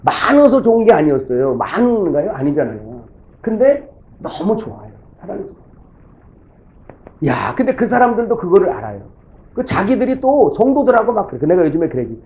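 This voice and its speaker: A middle-aged man delivers a folksy sermon as a pastor, slipping into the voices of his church members as he tells his stories. His voice sits a little high for a man, with a mellow, soft tone. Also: big pitch swings, fairly quick, rough recording.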